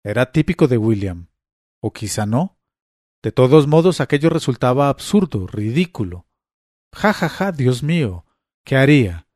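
A man reads a literary story aloud in a measured, quietly dramatic way, touching the characters' lines with light voicing. His pitch sits in a middling range. The sound is close and dry, with no room around it. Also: expressive, no room sound. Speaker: narrator. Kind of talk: audiobook reading of a literary story.

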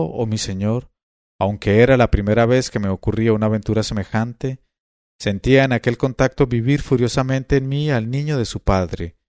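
Man, storybook narration, measured delivery, mid-pitched, dry close sound. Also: darkish tone, no echo. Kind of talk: storybook reading.

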